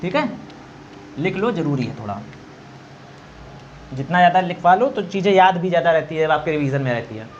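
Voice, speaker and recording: A man with a fairly high voice and wide pitch swings delivers an exam-prep grammar lecture at a brisk clip, pausing often. He poses questions and answers them himself, dictates notes, and draws out vowel sounds to demonstrate them. The recording is dull and lo-fi, with faint noise.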